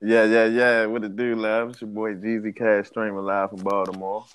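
A man joining a podcast as guest, chatting casually with quick upbeat reactions. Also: fairly low pitch, flat delivery, clean tone, no echo.

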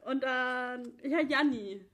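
High-pitched laughing young woman. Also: slow pace, a bit bright, slight background noise. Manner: laughing, rambling storyteller. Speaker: podcast co-host. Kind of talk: casual chat recapping a dating show.

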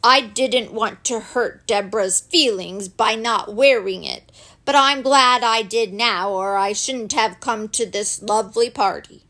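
A woman voicing a placid, polite male teddy bear in a children's story, speaking in a measured, gentle way. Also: fairly high pitch. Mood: forgiving, content.

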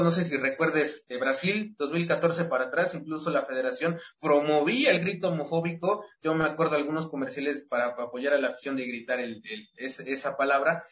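A man's voice: fairly high pitch, a bit bright, reverberant. A Mexican man co-hosting a football talk show, rambling with many restarts. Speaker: sports show co-host.

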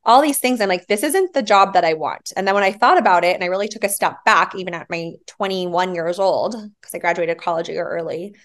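Chatty woman with a lowish voice. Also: fairly quick, hardly any pauses. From Hawaii, raised later in Arizona. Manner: chatty and animated, frequent "like" fillers, laughs often. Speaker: podcast guest. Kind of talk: casual conversational interview.

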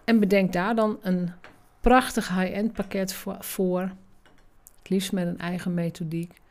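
A woman's voice: lowish voice, steady tone, measured pace, a little mellow. A middle-aged woman hosting a solo business podcast, coaching listeners in a direct, emphatic, exhorting way.

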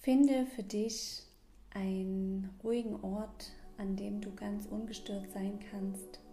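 Soft, near-whispering woman guiding meditation, very unhurried. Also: medium pitch, steady tone. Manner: gentle, unhurried, soothing delivery with long pauses. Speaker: meditation guide and podcast host. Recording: roomy echo, ambient music bed. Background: slow ambient new-age music.

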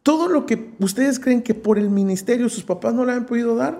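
A man's voice: very high voice, fairly quick, vocal fry. A man, a preacher telling a personal testimony in an interview, acting out the voices he quotes. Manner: lively storyteller who acts out quoted voices. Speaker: preacher, guest.

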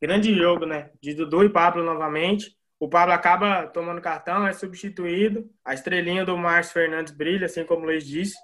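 A man's voice: high-pitched, steady tone, fairly quick, few pauses, fairly bright tone. A Brazilian man hosting a casual football discussion, analysing a match and passing questions to co-hosts. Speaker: football podcast host.

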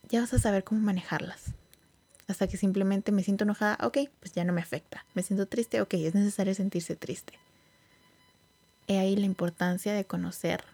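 A woman hosting a podcast, speaking in a casual, reflective way with many fillers and some soft whispered asides. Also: medium pitch, no room sound. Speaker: podcast host.

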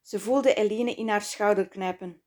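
A woman reading her own book aloud in slow, measured, intimate scripted narration. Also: medium pitch, darkish tone. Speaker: author and narrator.

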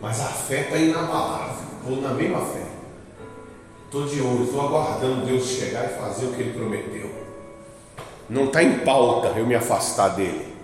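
A Brazilian pastor preaches from a distance, his voice ringing around a reverberant church hall. He is lively and acts out conversations in different voices, pausing to ask the crowd for an amen. Music plays in the background. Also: mid-range voice. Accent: Brazilian Portuguese. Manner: lively, acts out dialogues in changing voices, calls out for amens. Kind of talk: preaching a sermon. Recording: echoey hall, distant mic, music behind.

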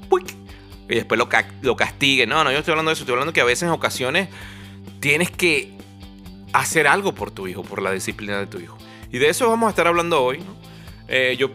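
Male vlogger, bright edgy voice, chatty comic delivery over soft music. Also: mid-range voice. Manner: joking, conversational, with frequent fillers and asides. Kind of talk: humorous casual monologue.

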